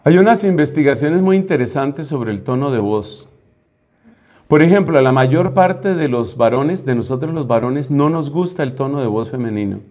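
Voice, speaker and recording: Man giving a lively retreat talk. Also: mid-range voice, moderate pace. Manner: conversational, humorous, explanatory. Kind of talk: retreat teaching. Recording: dull lo-fi sound.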